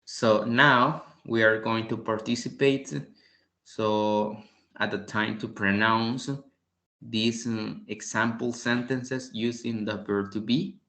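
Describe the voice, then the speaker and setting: A man teaching an online language class, repeating each word and explaining patiently, often clearing his throat. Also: lowish voice, flat delivery, slow pace, pushed and bright. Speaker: English tutor. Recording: echoey room.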